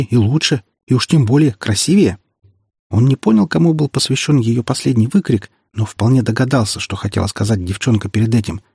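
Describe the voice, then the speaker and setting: A man narrating an audiobook in a measured, expressive reading. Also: mid-range voice, breathy edge, no echo, clean studio sound.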